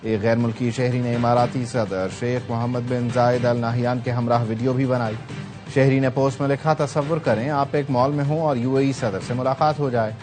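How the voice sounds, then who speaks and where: A man reading scripted news headlines in an even, formal manner. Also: medium pitch, normal speed, over music. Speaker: news anchor.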